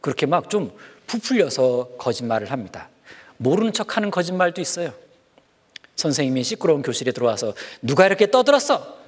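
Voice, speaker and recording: Lively husky man preaching to children. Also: mid-range voice, fairly quick. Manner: animated, talks directly to children with questions. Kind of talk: children's sermon.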